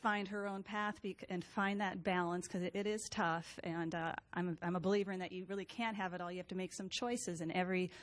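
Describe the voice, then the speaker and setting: A woman's voice: lowish voice, fairly even intonation, brisk, hardly any pauses. A middle-aged woman from the Los Angeles area, a NASA scientist telling her story on a panel in a chatty, self-deprecating way. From Los Angeles area, USA. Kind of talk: panel talk, personal story.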